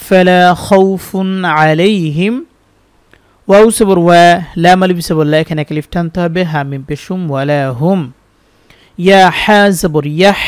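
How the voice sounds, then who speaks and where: A man with a Bangladeshi Bengali accent teaching Quran reading, spelling each word letter by letter and then chanting the verses slowly. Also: sits high, smooth, no echo, clean studio sound. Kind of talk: spelled-out Quran recitation lesson.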